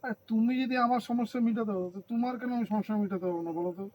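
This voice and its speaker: A man's voice: high voice, rapid-fire, a little mellow, close to an everyday voice. A man playing a sheepish young husband who pleads and keeps repeating himself, in a comedy skit. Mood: wheedling. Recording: dull lo-fi sound, faint hiss.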